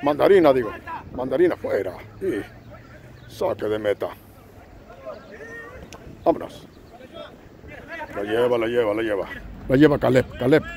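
Gravelly Mexican man calling a soccer game. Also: medium pitch, expressive, measured pace, pauses often. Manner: shouts encouragement at players, jokes with himself. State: has a cold. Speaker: amateur soccer commentator. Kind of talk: excited play-by-play commentary. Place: outdoors at a local soccer field.

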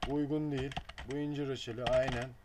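A man's voice: medium pitch, little pitch movement, fast talker. A man giving a casual screen-recording tutorial, muttering along as he clicks and dropping blunt offhand jokes. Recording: noisy home recording with keyboard clicks. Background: keyboard and mouse clicks.

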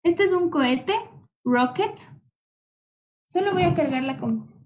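Slow, high-voiced woman teaching the alphabet. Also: expressive, darkish tone. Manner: patient, drawn-out letter-by-letter drilling; uses affectionate diminutives. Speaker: English teacher. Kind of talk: slow, repeated children's-style alphabet lesson.

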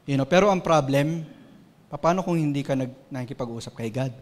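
A man's voice: medium pitch, a little fast. A Filipino man preaching a sermon in a church, telling a personal story with earnest, sometimes emotional feeling. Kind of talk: sermon mixing Tagalog and English. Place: church hall. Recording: long hall reverb.

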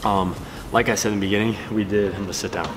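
There's background noise as a thirty-something fitness vlogger rattles off casual gym tips at a quick pace, his voice on the lower side. Relaxed and filler-heavy, he talks to a camera on a stand with a mounted mic, the large hall echoing around him.

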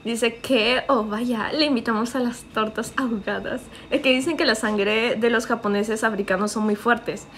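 A woman's voice: a little high, steady tone, normal speed, hardly any pauses, a bit bright, slight background noise. A young woman with a Peruvian accent chatting on a livestream, reading out comments and joking. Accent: Peruvian Spanish. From Peru. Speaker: streamer.

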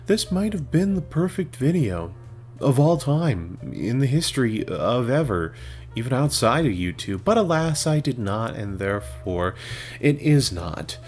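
A young man narrating a home cooking video as a voice-over, with deadpan asides and sudden bursts of exasperation. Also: mid-range voice, a little slow, faint music behind. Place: home kitchen.

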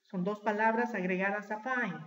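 A woman teaching English to primary school children, repeating short phrases slowly and spelling out letters for the class to repeat. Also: medium pitch, fairly even intonation, fairly bright tone. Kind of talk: slow, drilled classroom lesson. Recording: muffled, echoey room.

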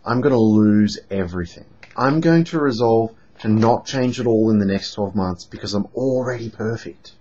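A man's voice: lowish voice, normal speed, hardly any pauses, husky. Sarcastic young Australian man. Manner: lively, mocking, emphatic. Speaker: vlogger. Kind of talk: sarcastic casual vlog monologue. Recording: dull lo-fi home recording.

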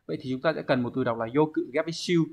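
Speaking very fast in a fairly high, gravelly voice with a darkish tone, a man with a Vietnamese accent teaches a Japanese exam lesson. He walks through each answer step by step, posing questions to himself along the way. The recording is dull and lo-fi.

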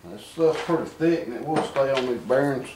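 A home mechanic casually explains an engine job while working in a dim workshop, thinking aloud and muttering to himself. His voice is mid-range at a moderate pace, and background noise is audible. It's a relaxed how-to demonstration.

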